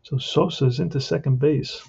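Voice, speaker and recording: A man's voice: fairly high pitch, steady tone, normal speed, creaky. A man giving casual play-by-play of a tabletop baseball game, thinking aloud as he plays. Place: indoors at a tabletop. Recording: muffled lo-fi, faint noise with clicks.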